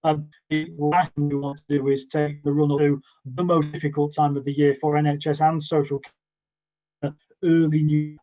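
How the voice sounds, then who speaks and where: A man's voice: on the high side, flat delivery, moderate pace, mellow, no room sound, faint music behind, rough recording. A man giving a public health briefing over a video call whose audio glitches and cuts out, talking hesitantly with many ums and restarts. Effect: glitching, cutting-out video call audio. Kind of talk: online briefing talk.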